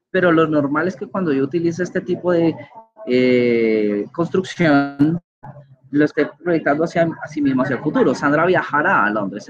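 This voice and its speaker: A man's voice: a little high, dull audio. A man giving an online grammar lecture as a teacher, patient and explanatory, often checking in with his listeners. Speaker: English teacher.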